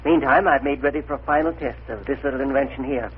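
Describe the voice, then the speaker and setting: An actor playing a genial, fussy scientist of the future in a 1930s radio drama, on a noisy old recording. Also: male voice, medium pitch, phone-quality sound, natural voice. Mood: genial, absorbed. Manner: fussy, halting, reassuring.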